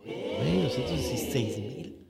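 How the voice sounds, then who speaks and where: A man's voice: medium pitch, animated, moderate pace, vocal fry, crowd noise. A man from Guadalajara, Mexico, hosting a casual podcast, joking and asking short questions. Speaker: podcast host. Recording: noisy background.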